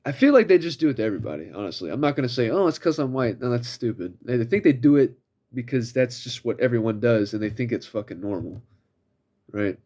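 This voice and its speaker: A man's voice: mid-range voice, very animated, fast, dark tone. Young man, casual storytelling, blunt and profane, mocking quoted voices. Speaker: vlogger.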